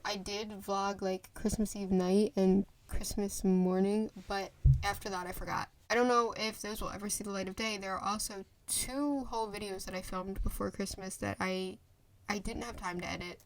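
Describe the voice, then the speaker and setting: A woman in her twenties vlogs casually into her phone camera, her mid-range voice steady and moderately paced. She rambles, piling on fillers and cutting herself off to restart.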